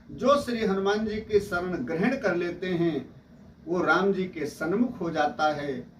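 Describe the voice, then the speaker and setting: A man telling a devotional sermon in a high voice, drawing out slow chanted verses as he narrates. He is recorded from far off in an echoey hall, with faint ambient noise behind him. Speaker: religious storyteller.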